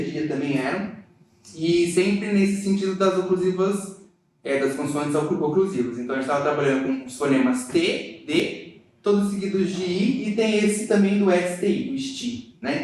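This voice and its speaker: A man, presenting research at an academic seminar, explaining things step by step and hesitating with fillers. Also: on the high side. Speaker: student presenter. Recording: echoey room, distant mic.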